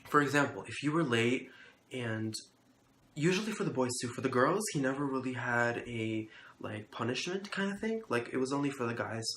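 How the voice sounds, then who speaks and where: A young man tells a story straight to camera, rambling and loose, with "like" dropped into nearly every phrase and plenty of swearing. His voice sits at an ordinary middle pitch. The room around him rings with echo, and a faint ambient hum runs underneath. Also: lively intonation, normal speed, a bit bright. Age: young adult. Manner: rambling, heavy use of "like", profane, incredulous. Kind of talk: casual storytelling vlog.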